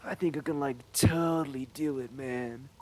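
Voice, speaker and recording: A man's voice: medium pitch, steady tone, normal speed, close to an everyday voice. A man voicing an old, bald, laid-back surfer dude who drawls in surfer slang. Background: background music.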